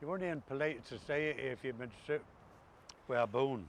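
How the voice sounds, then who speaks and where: A man's voice: medium pitch, brisk, slight background noise. A man with an Ulster Scots accent from Northern Ireland, chatting casually as a co-host in a droll, folksy way. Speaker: co-host discussing dialect words. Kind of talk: casual humorous chat.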